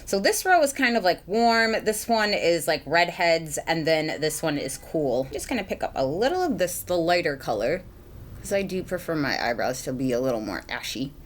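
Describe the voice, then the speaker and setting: Her voice is deep and very animated, moving at a moderate pace, with slight background noise in the recording. She's a young adult beauty vlogger from Massachusetts, rambling through a casual get-ready-with-me makeup chat full of ums and likes.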